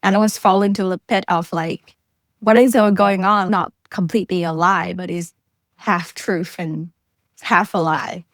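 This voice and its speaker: Heard in a dry, clean studio recording, a young Vietnamese woman with a medium-pitched voice speaks accented English as an interview guest. A journalist and researcher, she shares her story earnestly and reflectively, frequently filling with "like."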